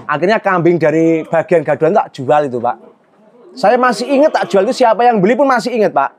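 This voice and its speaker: A man's voice: high voice, fairly quick. A middle-aged man, earnestly telling his life story in an interview, often adding a polite "Pak". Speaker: goat farmer and trader.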